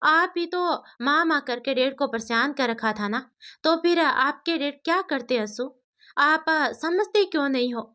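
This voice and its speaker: Woman voicing a proud widowed father, insistent and scolding, high-pitched read. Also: unhurried, bright, forceful tone. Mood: pleading. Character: stubborn widowed father, proud and short-tempered.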